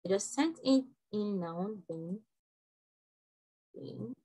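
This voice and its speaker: A young woman from Nigeria leading an online workshop class over a video call, talking quickly with frequent restarts. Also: medium pitch, lively intonation, dark tone, low-quality recording. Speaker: workshop instructor.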